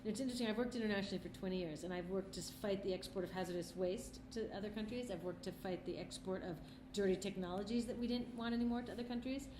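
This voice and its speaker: Talking quickly with hardly a pause, a middle-aged filmmaker answers questions in an interview, her medium-pitched voice earnest, passionate and conversational. The audio sounds roomy and echoey, with faint background noise.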